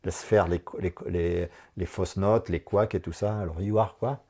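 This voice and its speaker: A man coaching a woman through a personal session, animated and encouraging, talking in quick bursts. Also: low-pitched. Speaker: enneagram coach.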